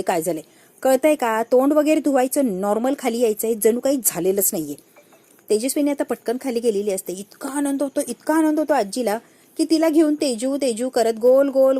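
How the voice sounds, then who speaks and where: A woman's voice: sits high, dark tone, dry recording. A woman casually retelling a TV serial episode, briefly voicing each character's lines as she goes. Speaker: narrator recapping a TV serial. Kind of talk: casual storytelling recap.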